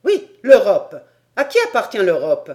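A woman voicing an excitable middle-aged male French geographer who bursts into loud, fussy exclamations. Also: mid-range voice, measured pace. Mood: excited.

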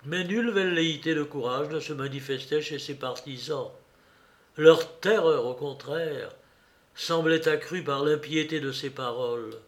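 A man reading a classic novel aloud for radio in a measured, expressive way. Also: fairly high pitch. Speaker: reader.

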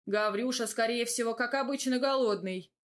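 A woman's voice: on the high side, natural voice. A woman doing a weary old grandfather. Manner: slow, sighing, gently commanding. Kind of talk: audiobook character voice.

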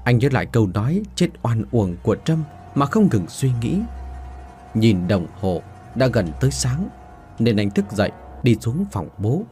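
A man narrating a scripted ghost story in an expressive, dramatic way. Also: medium pitch, normal speed. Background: faint background music.

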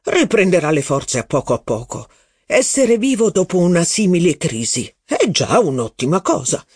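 A man's voice: sits high, very animated, a little mellow, breathy edge, no echo, clean studio sound, voice pushed up, full character voice. A man reading the lines of a blustering, self-centered aristocratic duke in an audiobook. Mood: cheerful. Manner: blustering, quick to temper.

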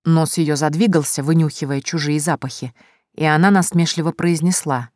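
A woman narrating a fairy-tale audiobook in first person, lively and expressive. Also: deep voice, moderate pace, no echo, clean studio sound.

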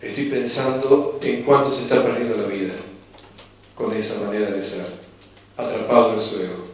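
Calm Rioplatense man lecturing in an echoey hall. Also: lowish voice, far from the mic, a little hiss or hum. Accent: Rioplatense Spanish. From Argentina. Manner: calm and unhurried, slowing down to repeat key phrases. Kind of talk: reflective spiritual lecture.

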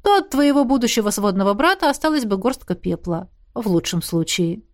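Audiobook: blunt, commanding young woman, read by a female narrator, brisk delivery. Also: mid-range voice, lively intonation, natural voice. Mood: bossy. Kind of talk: audiobook reading.

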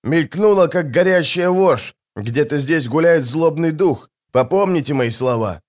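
A man voicing a wet, miserable male mage who hisses and grumbles slowly. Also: medium pitch, lightly acted. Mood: grumbling. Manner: hissing, grumbling, slow.

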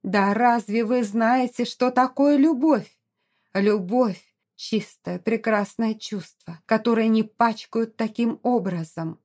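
A woman's voice: a little high, slow pace, a little mellow. A woman voicing a proud, scornful young noblewoman. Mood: furious. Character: proud young noblewoman, fiercely indignant wife.

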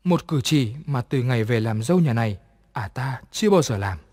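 A man narrating a ghost story in an even, measured way. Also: mid-range voice. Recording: long reverb.

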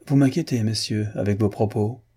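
A man's voice: fairly low pitch, steady tone, moderate pace, dark tone, breathy edge. A man voicing a nervous, fretful young noble lady in an audiobook reading, anxious and plaintive.

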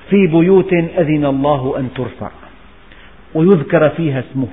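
Syrian male preacher, emphatic lecturing, fairly high voice, phone-thin sound in a reverberant hall. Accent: Syrian Levantine Arabic. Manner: emphatic, building repetitive rhetorical lists. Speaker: Islamic preacher explaining scripture. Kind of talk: religious lecture. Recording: tinny lo-fi audio with long hall reverb.

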